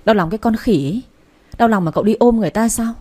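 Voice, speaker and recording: A woman voicing a jealous young wife who answers in sharp, accusing words. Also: fairly high pitch, fast talker, close to an everyday voice. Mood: hurt, angry.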